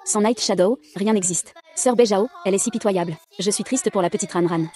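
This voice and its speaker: A woman reading out a dubbed drama, giving every character the same even voice. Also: mid-range voice, fairly quick. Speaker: narrator voicing every character. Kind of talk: fast dubbed drama read-through.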